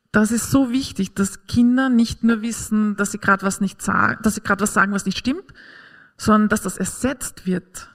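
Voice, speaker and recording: A woman's voice: medium pitch, gravelly. A woman giving an earnest, encouraging faith-based talk on parenting to an audience.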